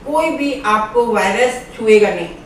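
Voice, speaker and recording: A woman's voice: medium pitch, animated, a little slow, a little hiss or hum. A woman yoga instructor patiently guiding viewers step by step through breathing exercises. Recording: very echoey room, far from mic.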